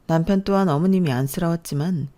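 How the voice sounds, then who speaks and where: A woman narrating a family drama as the daughter-in-law, in a calm, soft-spoken scripted style. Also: on the low side, quick pace.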